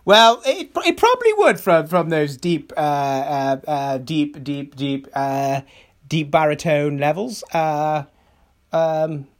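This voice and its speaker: A man co-hosting a comedy podcast, halting and stammering through his sentences with lots of fillers and laughter. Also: on the high side. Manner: halting, stammering, many repeated words and fillers; breaks into laughter often. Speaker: podcast co-host.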